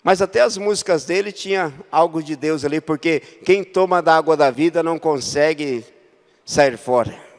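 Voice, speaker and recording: A Brazilian man preaches in a church, his voice sitting high for a man. He moves between easygoing storytelling and loud, rising exhortation, and a long reverb trails his words through the hall. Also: normal speed. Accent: Brazilian Portuguese. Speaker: pastor. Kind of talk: sermon.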